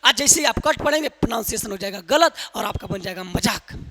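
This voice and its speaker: A man teaching English pronunciation in a loud, emphatic classroom manner, quizzing his viewers with repeated questions. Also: sits high, animated, brisk, vocal fry, big-room sound. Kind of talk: classroom lesson in Hindi with some English.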